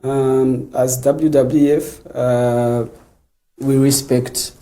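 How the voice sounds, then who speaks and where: A man with a Zambian English accent, speaking for a conservation group on a TV panel, slow and hesitant with repeated starts. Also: medium pitch, little pitch movement, dark tone, low-quality recording. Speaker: conservation organization representative. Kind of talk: studio TV panel discussion.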